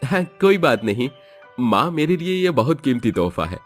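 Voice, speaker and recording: A man's voice: medium pitch, very animated, normal speed, soft background music, pitched above the performer's own voice. A man voicing a young husband who is polite with his in-laws and harsh with his wife. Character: young husband, turns angry and drunk.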